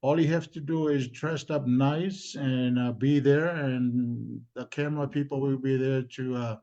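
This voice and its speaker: A man with a Tongan accent speaking informally on a community live discussion in a halting, deliberate, repetitive way. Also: mid-range voice, fairly even intonation, warm tone. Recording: dull lo-fi stream audio.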